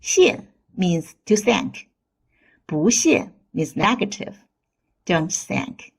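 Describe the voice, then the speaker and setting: A woman gives a scripted language lesson at a very slow, careful pace. Her voice is soft and breathy, and her pitch swings widely as she demonstrates sounds in drills. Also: sing-song. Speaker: Chinese language teacher.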